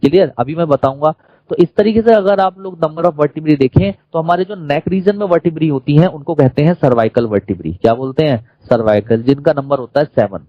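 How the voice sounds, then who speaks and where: A man's voice: fairly high pitch, a little fast, no room sound, muffled recording. A man with an Indian accent teaching a classroom lecture, who keeps quizzing the class and repeating key terms.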